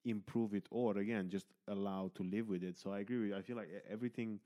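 Speaking fast with a fairly low, steady and mellow voice, a man hosts a podcast. His casual talk is candid and rambling, full of fillers, restarts and offhand swearing.

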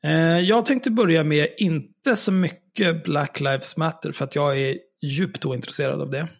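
A man's voice: on the high side, vocal fry, slightly rough. A man co-hosting a podcast in casual chat, talking bluntly and sarcastically with some swearing. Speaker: podcast co-host.

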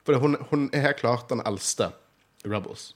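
A man with a Bergen accent, hosting a podcast in casual chat, talkative and laughing often. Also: medium pitch. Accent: Bergen Norwegian. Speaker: podcast host.

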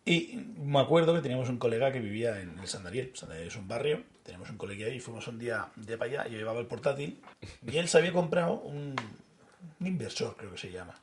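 Male podcast co-host, 30s, rapid and gravelly, animated storyteller. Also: medium pitch. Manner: animated storyteller who acts out dialogue. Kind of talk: casual storytelling chat.

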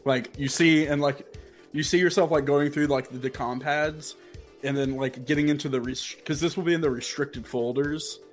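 A man's voice: fairly high pitch, fairly even intonation, normal speed, faint music behind. A man narrating as game master of a tabletop game, rambling and filling his sentences with "like". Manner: rambling, heavy use of "like".

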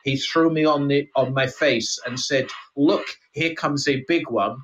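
A man improvises a comedic retired KGB colonel, sounding wistful and earnest while rambling haltingly in broken English with dropped articles, his mock Russian accent occasionally drifting into Scottish. His natural mid-range voice is fairly bright but pushed down, with slight background noise.

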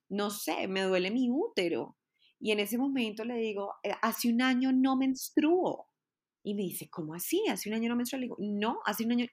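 A young adult woman, telling a personal story in a candid, earnest way and repeating words for emphasis. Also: medium pitch.

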